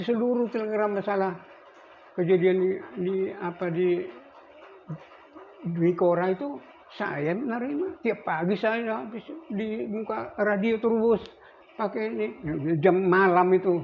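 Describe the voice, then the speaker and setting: High-voiced man in his eighties. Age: 80s. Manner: rambling, halting recollection with restarts. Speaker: navy veteran. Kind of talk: recorded interview. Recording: dull lo-fi recording with faint noise.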